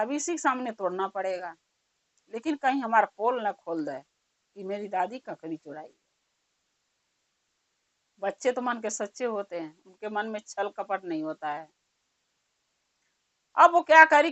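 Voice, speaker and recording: A woman's voice: a little high, fairly bright tone, dry recording. A woman storyteller narrating a devotional folk story in a conversational, folksy way.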